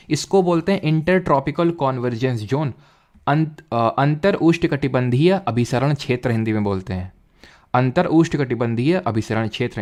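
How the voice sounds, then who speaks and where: Give me a male teacher explaining geography at the board, repeating each key term, mid-pitched. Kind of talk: exam-prep geography lesson.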